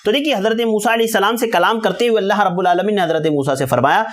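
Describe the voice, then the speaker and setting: A man gives a religious lesson in a fairly high voice. He recites a verse, then explains it line by line, pausing on fillers as he goes. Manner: explains verse by verse, mixes in English numbers, frequent fillers. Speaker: Islamic teacher.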